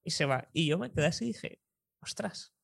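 Lively Spanish man telling anecdotes. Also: a little high, fast, creaky, husky, no echo, studio quality. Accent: Spain. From Spain. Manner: lively storyteller, chuckles often. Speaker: public speaking coach. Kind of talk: anecdotal interview storytelling.

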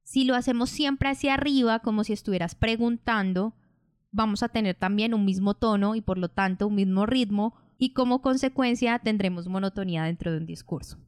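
Clear-voiced woman teaching calmly. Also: mid-range voice, no echo, clean studio sound. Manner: calm, measured, explanatory. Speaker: podcast host and public-speaking coach. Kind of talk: instructional podcast narration.

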